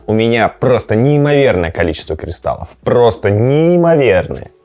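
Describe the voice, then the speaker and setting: This gaming and cooking vlog host has a medium-pitched, slightly mellow voice that stays very animated at a moderate pace. His talk to camera is relaxed and playful, mixing gameplay reactions with the occasional word to his cat.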